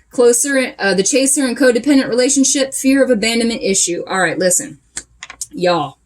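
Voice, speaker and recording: A woman with a slightly high voice talks through a casual tarot reading. She is chatty and emphatic, and coaches her listeners directly. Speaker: tarot reader.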